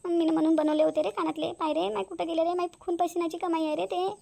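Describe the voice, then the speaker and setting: A woman's voice: extremely high pitch, level tone, fast talker, creaky, warm tone. A woman voicing a tearful older village mother in a cartoon, wailing over her loss. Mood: lamenting. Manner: wailing, sobbing lament. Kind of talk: cartoon voice acting.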